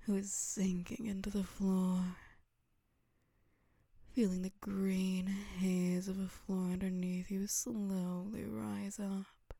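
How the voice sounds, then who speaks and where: A woman whispering a slow ASMR hypnosis roleplay, drawing out coaxing commands. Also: medium pitch, mellow, dry recording.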